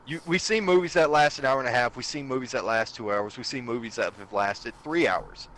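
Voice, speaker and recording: A man's voice: medium pitch, brisk, a bit bright, rough recording. A man guesting on a casual podcast, talking eagerly and explaining things at length. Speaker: guest streamer.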